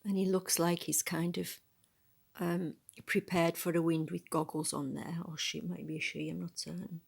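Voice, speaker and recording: Reading a picture book aloud, this storybook reader speaks in a soft, breathy voice that sits lowish and stays level, at an ordinary pace. She drifts into conversational, musing remarks about the pictures as she goes.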